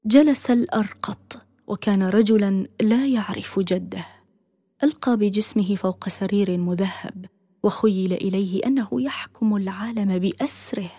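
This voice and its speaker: A woman's voice: medium pitch, warm tone, husky, dry recording. A solemn woman narrating a dramatic audiobook story, her voice often sinking to a near-whisper. It is recorded close and dry, with no room sound.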